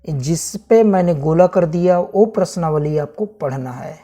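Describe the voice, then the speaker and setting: A man's voice: fairly high pitch, animated, measured pace, dark tone. A man teaching, casually walking viewers through a maths syllabus chapter by chapter, repeating each item and calling viewers friends. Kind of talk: casual syllabus walkthrough lesson.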